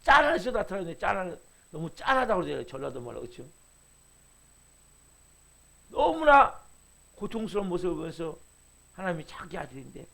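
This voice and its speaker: A middle-aged male pastor preaching a sermon with impassioned swells and sudden quiet drops. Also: high voice, sing-song, brisk, vocal fry, pauses often.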